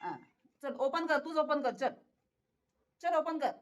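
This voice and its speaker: A woman with a high voice talks casually to her viewers while coaxing her cat. She repeats herself often and breaks into laughter. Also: unhurried. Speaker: pet vlogger.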